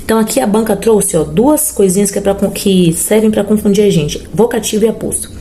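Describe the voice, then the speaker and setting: A woman's voice: mid-range voice, a little fast, mellow. Chatty woman teacher with a Brazilian accent. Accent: Brazilian Portuguese. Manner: explains step by step, with frequent "ó" and "tá?"; casual, encouraging teacher tone. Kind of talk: exam-prep grammar lesson.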